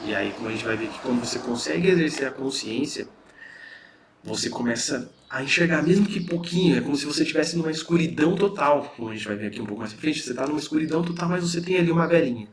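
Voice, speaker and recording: A man's voice: fairly high pitch, animated, fast talker, a little hiss or hum. A man with a Brazilian Portuguese accent giving a casual spiritual lesson, explaining in a conversational way and often checking in with his listeners. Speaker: spiritual teacher.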